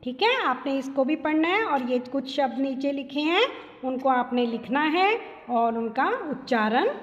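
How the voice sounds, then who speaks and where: A woman's voice: high voice, animated, normal speed. A woman teacher giving a phonics lesson to young children, sounding out letters and syllables one by one. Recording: dull lo-fi sound with long reverb.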